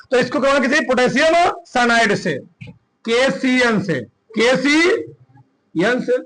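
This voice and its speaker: A man teaching a class, firing short questions at his students one after another. His voice sits very high and rings bright and forceful. He drills the class in a lively, commanding way. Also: rough recording. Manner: quizzing students with rapid questions. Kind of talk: classroom chemistry lesson.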